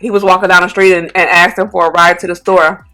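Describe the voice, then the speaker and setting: A woman hosting a mukbang, casually retelling a story in a relaxed, slangy way with lots of fillers. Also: lowish voice, fast talker, faint music behind. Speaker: mukbang channel host. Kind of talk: casual storytime while eating.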